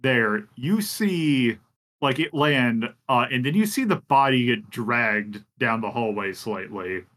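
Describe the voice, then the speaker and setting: A man's voice: mid-range voice, expressive, slow, a bit bright. A man running a tabletop game as game master, narrating with many fillers and restarts.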